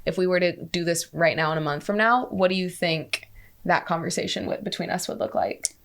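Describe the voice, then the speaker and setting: A woman's voice: lowish voice, a little fast, gravelly, a bit bright. A young woman co-hosting a podcast, chatting casually, teasing her friend and then talking through dating advice. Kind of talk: casual chat.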